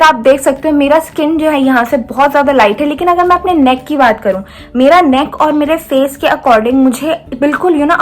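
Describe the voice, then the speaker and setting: A young woman from India talks through her makeup routine for the camera. Her voice sits high, and her manner is chatty as she explains each step and keeps checking that the viewer is following along. Faint music plays quietly under her voice. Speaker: beauty vlogger. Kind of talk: makeup tutorial, casual Hinglish chat.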